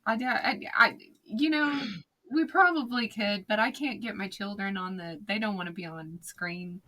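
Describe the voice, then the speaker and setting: A woman's voice: mid-range voice, moderate pace, sharp tone. A woman guest on a podcast, chatting in a good-humored, easygoing way. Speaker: podcast guest, nutrition expert. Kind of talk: casual interview chat.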